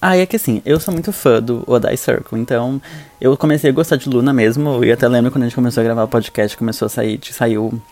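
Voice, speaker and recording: A man's voice: medium pitch, fast talker, darkish tone. A man with a Brazilian Portuguese accent co-hosting a podcast, chatting in a gossipy, blunt and campy way. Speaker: podcast co-host. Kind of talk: casual podcast chat.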